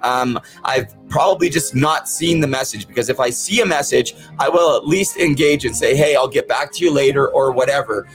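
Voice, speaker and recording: A man's voice: medium pitch, normal speed, hardly any pauses, faint music behind, poor audio. Toothless man, earnest podcast host. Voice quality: toothless speech, missing teeth. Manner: earnest, plain-spoken. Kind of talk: casual, sincere talk to viewers.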